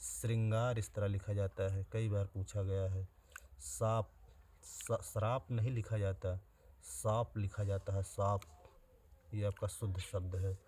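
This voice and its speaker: A man teaches an exam-prep spelling lesson and talks straight to his students. His voice is fairly low and dark. He says each word slowly, often more than once, to spell it out, over a faint steady background noise. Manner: plain direct address to students.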